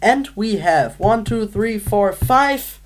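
A woman's voice: medium pitch, lively intonation, takes it slowly. A woman from Manchester co-hosting a podcast, giggly and playful while chatting through a word game. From Manchester, England. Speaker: podcast co-host. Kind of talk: casual game chat.

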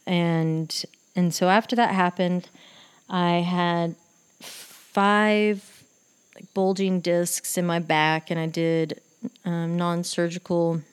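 A woman host telling a personal story in casual, animated speech, acting out what people said, with frequent fillers. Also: fairly low pitch, smooth. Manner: animated retelling, acts out quoted voices, many fillers.

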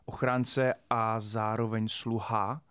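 A man's voice: lowish voice, flat delivery, fairly bright tone, clear, resonant tone, no room sound. A man co-hosting a podcast about fatherhood, earnest and reflective, talking casually. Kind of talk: casual chat.

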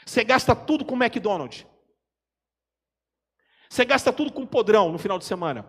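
A Brazilian man from Espírito Santo preaching a sermon as pastor, his voice climbing to shouts and dropping to quiet asides. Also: sits high, expressive, moderate pace, husky. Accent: Brazilian Portuguese, Espírito Santo. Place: church hall. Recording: long church hall reverb.

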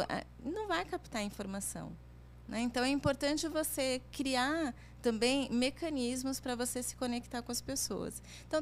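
A woman's voice: on the high side, slight background noise. Woman coach explaining with tag questions. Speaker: career coach. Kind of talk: conversational advice chat.

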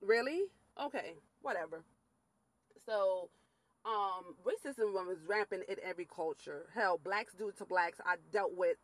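A middle-aged woman from Latin America, hosting her own vlog and telling a personal story in a candid, casual monologue with animated quoted asides. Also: on the low side, no room sound, rough recording. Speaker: vlog host.

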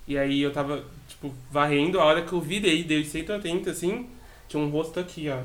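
Man, casual chat, animated storyteller, fairly high voice, roomy echo. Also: quick pace. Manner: animated storyteller, repeats words for effect. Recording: echoey room.

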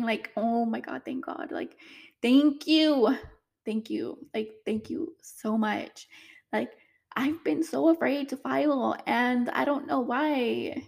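A woman's voice: fairly high pitch, creaky, a little mellow. A young woman, a single mother, chatting emotionally to camera in a casual vlog, full of fillers.

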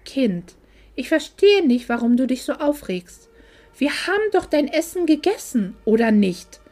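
A woman's voice: sits high, big pitch swings, unhurried, a little mellow, heavily acted. A woman voicing a cold, dismissive middle-aged mother who talks down to her grown daughter in a curt, condescending way. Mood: cool, reproachful.

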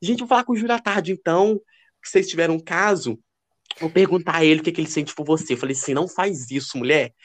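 A man co-hosting a podcast, telling gossipy stories in a casual, animated way. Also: fast talker, slight background noise. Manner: expressive, lively pitch. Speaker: podcast co-host. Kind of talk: casual chat.

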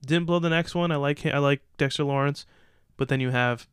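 A man's voice: fairly high pitch, fairly quick, a bit bright, clear, resonant tone, dry recording, clean studio sound. A man co-hosting a casual sports podcast, reading out draft picks and giving loose, opinionated takes. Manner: opinionated, loose, reads out picks then riffs. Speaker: podcast co-host.

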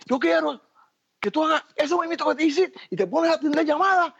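A man voicing a stubborn male TV producer who barks quick orders. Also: very high voice, gravelly, a bit bright, voice pushed up, exaggerated voice. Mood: instructing. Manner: bossy, urgent, rapid instructions. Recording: slightly dull lo-fi sound.

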